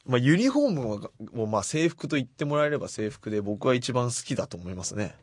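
Man, radio host, casual chat, soft-spoken, self-deprecating, mid-pitched voice, dry close studio mic. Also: big pitch swings, fast talker, slightly rough, no echo. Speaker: radio host reading listener letters.

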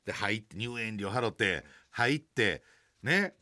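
A man with a Kansai accent telling a comic anecdote in casual talk, animated and acting out other people's voices. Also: on the low side, a little slow. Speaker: storyteller.

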